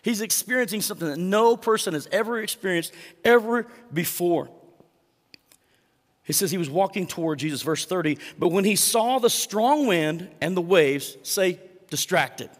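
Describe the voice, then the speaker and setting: Preacher with a raised voice in a hall. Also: male voice, high voice, lively intonation, normal speed. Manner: reads scripture aloud with dramatic emphasis; asks the congregation for responses. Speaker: pastor. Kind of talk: sermon.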